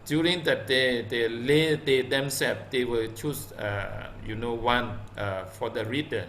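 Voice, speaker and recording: A male Buddhist monk talks at an unhurried pace. His voice is bright and clear. He speaks in a halting way, searching for words among frequent fillers. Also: medium pitch, fairly even intonation, a little hiss or hum. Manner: halting, many pauses and fillers. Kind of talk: casual Dhamma discussion.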